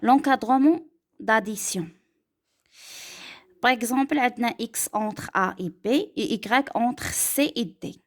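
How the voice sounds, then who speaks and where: A woman with a Moroccan accent teaching a math lesson, stepping through calculations and slowing down to read out examples. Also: fairly high pitch. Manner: switches between French and Moroccan Arabic, slows down to dictate examples.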